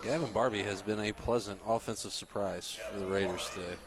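A male color analyst talks in a fairly low voice over clear crowd noise. His commentary on the live game is conversational, like chatting with his broadcast partner. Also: fairly even intonation, fairly quick. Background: crowd and bouncing basketball.

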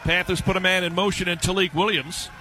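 Man, high-pitched, live football commentary, radio announcer, noisy stadium background. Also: flat delivery, fairly quick, pushed and bright. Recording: stadium noise behind the voice.

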